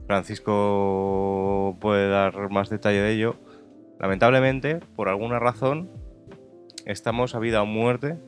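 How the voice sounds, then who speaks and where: A man with a low voice who speaks in a measured, thinking-aloud way as he co-hosts a casual podcast. Faint music sits behind him.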